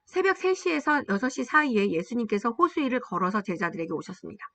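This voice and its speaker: Here a woman teaches English using Bible material, explaining in Korean and reading sentences slowly while repeating phrases for learners. Her voice sits on the high side with big swings in pitch and a fairly bright tone, and the recording has no room sound.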